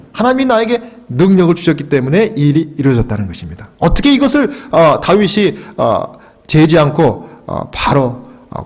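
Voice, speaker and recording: Pastor, male, middle-aged, high and animated voice, emphatic sermon delivery in church. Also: slightly rough. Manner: emphatic preaching, acting out fervent prayers. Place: church sanctuary.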